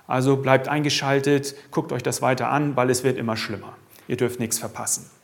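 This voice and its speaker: A man preaching in a steady mid-range voice. He leans hard on key lines, lifting them, then drops to a hush. It is an earnest sermon delivery. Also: medium pitch, brisk, creaky. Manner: emphatic, swings from raised to hushed.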